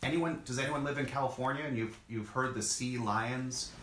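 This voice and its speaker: A man's voice: medium pitch, normal speed, a bit bright. A man co-hosting a children's lesson as a zoologist, explaining things casually and simply in short pieces. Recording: echoey room, background noise.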